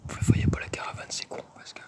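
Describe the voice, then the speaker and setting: A man vlogging while exploring an old factory site, whispering tensely and swearing often. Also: fast talker. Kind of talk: whispered casual vlog narration.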